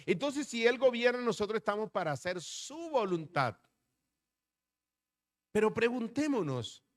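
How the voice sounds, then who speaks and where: A middle-aged man, a pastor preaching a sermon to his congregation. He asks the listeners questions and tells a personal story. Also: high voice.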